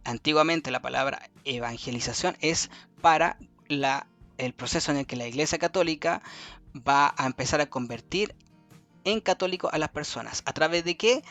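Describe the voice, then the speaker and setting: A man teaching a review lesson to schoolchildren, repeating key words slowly for emphasis. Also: on the high side, a bit bright. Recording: faint music behind.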